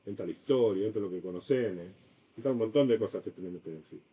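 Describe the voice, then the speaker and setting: Male lecturer, mellow dark tone, animated delivery, distant classroom mic. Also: on the low side, fast talker. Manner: animated, acts out examples with shifting voice. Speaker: university design lecturer. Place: lecture room.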